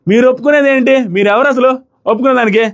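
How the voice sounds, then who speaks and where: A man voicing a sharp-tongued young woman housemate who fires back quick, mocking questions in a reality show quarrel. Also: fairly high pitch, voice pushed up. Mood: defiant retort.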